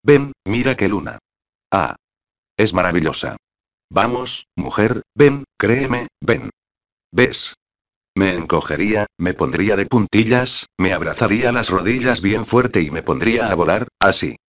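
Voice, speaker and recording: A man's voice: lowish voice, animated, a little slow, muffled recording. A man voicing an enthusiastic young girl who pleads breathlessly with her friend to look at the moonlit night. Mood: rapturous.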